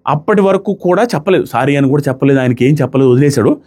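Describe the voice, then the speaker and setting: A man with a medium-pitched voice casually and animatedly reviews a reality show out loud, rushing through recaps and quoting what other people said.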